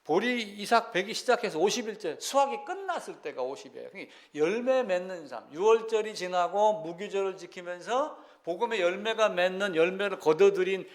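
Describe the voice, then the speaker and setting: Animated Korean pastor preaching. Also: male voice, sits high, fairly quick, hardly any pauses. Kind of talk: sermon.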